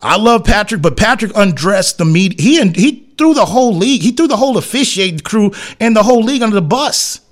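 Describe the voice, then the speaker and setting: Expressive and a little fast, this high-voiced sports talk host barely pauses as he rants bluntly and emphatically. He leans on slangy, colloquial wording and keeps repeating phrases to drive his opinions in.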